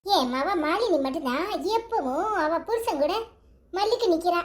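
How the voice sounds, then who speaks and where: A woman's voice: extremely high pitch, lively intonation, normal speed. A woman voicing an older village mother who prays, frets over her daughter and coos over her grandson in a cartoon story. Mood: pleading. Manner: scolding, fussy village talk.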